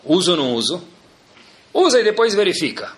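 A man with a Brazilian Portuguese accent teaching a Torah class in an animated way, full of rhetorical questions and jokes for his audience. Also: high voice, a little fast. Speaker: religious teacher.

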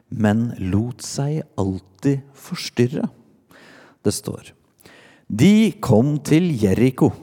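A man from Norway preaching a sermon, his delivery swinging between loud, raised cries and soft, near-whispered lines. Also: on the low side. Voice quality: dark, mellow voice. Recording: church hall reverb.

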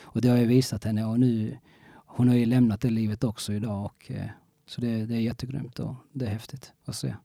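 Gravelly-voiced man in casual interview. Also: medium pitch, flat delivery, mellow, no room sound. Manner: halting, frequent restarts, many fillers.

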